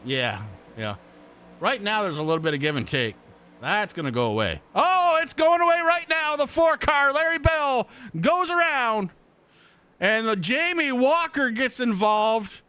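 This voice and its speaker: In a clean tone at a measured pace, a man with a Vermont accent narrates sim racing lap by lap as play-by-play commentator. When a wreck happens, his voice leaps sharply upward in excitement.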